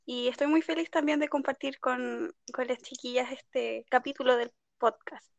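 A woman in her twenties introduces herself quietly on a podcast. Her voice is high with a lot of fry. The sound is dry and close. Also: fairly even intonation, normal speed, no echo. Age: 20s. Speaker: law student, podcast guest. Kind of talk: casual self-introduction.

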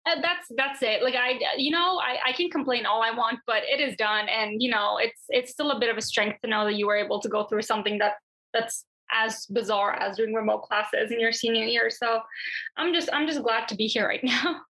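Guesting on an interview, a young journalist from Turkey in her twenties responds chattily and thoughtfully, often using fillers and starting over. She talks briskly in a fairly high, sharp-toned voice, captured in a low-quality recording.

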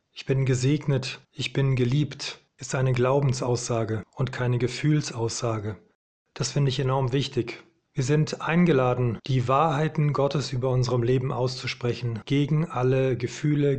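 A male preacher delivering a devotional sermon in a voice of ordinary, middle pitch. He speaks calmly and deliberately, and slows right down for his repeated words of reassurance. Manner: calm, measured, slows for repeated affirmations.

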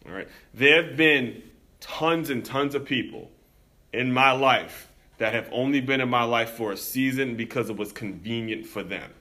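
A young American man hosts a podcast and tells a personal story in an earnest, reflective monologue. His voice is bright and forward. He speaks straight to his listeners. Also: medium pitch, moderate pace. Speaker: podcast host.

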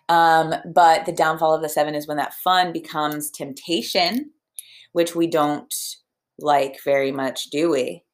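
Young female podcast host, casual and chatty, emotional and upbeat, slightly low-pitched. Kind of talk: casual spiritual podcast talk.

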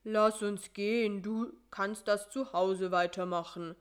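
A woman voicing a whiny male cross spider with a toothache in a storybook reading, her voice pitched well above her own with a slow, wailing delivery. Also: fairly even intonation, smooth, natural voice. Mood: relieved.

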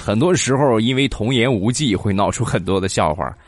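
Deep-voiced man telling funny stories. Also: expressive, a little fast, over loud music. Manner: puts on kids' voices in quotes. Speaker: comedic storyteller. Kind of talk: comic monologue of kids' anecdotes.

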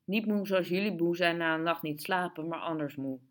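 A woman's voice: lowish voice, normal speed, lightly acted. A woman voicing a weary young woman who pours out her reasons in a long, tired flood. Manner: long tired pleading outpouring.

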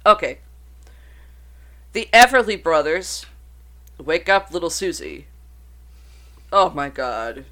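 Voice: medium pitch, expressive, slow pace, pauses often, sharp tone. Profane podcast host riffing over notes. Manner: reads out notes, then swears and riffs. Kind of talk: casual uncensored podcast commentary.

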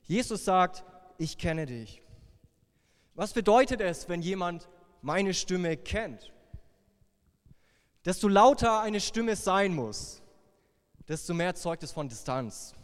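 A young man preaching a sermon, playful and lively, dropping to a hushed voice for tender lines. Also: a little high, slow pace, long pauses. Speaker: youth pastor. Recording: long hall reverb.

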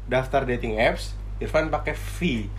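A man's voice: mid-range voice, measured pace, a little hiss or hum. A young man with an Indonesian accent in casual, slangy, teasing banter.

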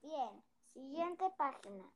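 A child slowly reading a picture book aloud, with small hesitations and restarts. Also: female voice, high voice, expressive, fairly bright tone. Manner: slow, careful reading with little hesitations. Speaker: young storyteller.

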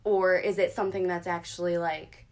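A woman's voice: on the low side, level tone, moderate pace. A woman chatting casually, rambling and self-deprecating, voicing her own thoughts as quotes. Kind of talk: casual chat.

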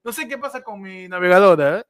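A man's voice: high voice, animated, fast. A young Peruvian man co-hosting a livestream in casual banter, joking with playful wordplay. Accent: Peruvian Spanish. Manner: jokey, playful wordplay, repeats "mano". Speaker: livestream co-host.

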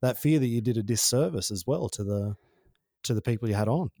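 An Australian man talks as a podcast guest in an easygoing, rambling way, full of slang. His voice sits at a medium pitch, recorded close and dry. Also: a little fast, warm tone, no echo. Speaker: podcast guest, former freestyle motocross rider. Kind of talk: casual conversation.

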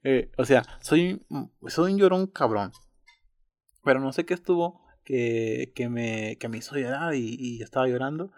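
A man with a Mexican Spanish accent talks casually and animatedly, with lots of slang and restarts. His voice sits at a middle pitch. The recording is dry and close, with no room sound. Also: a little slow, a little mellow, no echo. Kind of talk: casual chat.

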